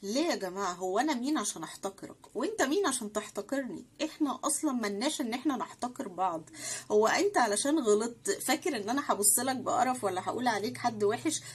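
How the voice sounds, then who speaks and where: Fast-talking Egyptian woman giving advice. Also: on the high side, husky. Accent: Egyptian Arabic. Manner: earnest, appealing to listeners, acting out quoted people. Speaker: social media advice speaker. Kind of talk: direct-to-camera advice talk.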